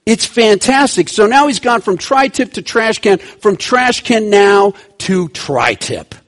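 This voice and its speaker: A man preaching a sermon, animated, swinging between loud and hushed, stretching key words. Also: sits high, unhurried. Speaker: pastor.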